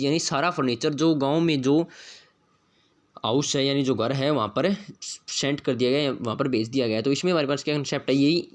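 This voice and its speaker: A man teaching an English grammar lesson for exam prep. He asks questions and answers them himself, over and over, and reads example sentences slowly. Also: medium pitch. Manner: drills points with repeated question-and-answer.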